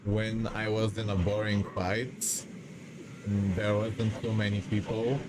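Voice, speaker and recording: A man's voice: fairly low pitch, level tone, a little slow, background noise. A man from Bulgaria, live streaming a game and chatting in a hesitant, rambling way as he reads the chat aloud. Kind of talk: casual live-stream chat while gaming.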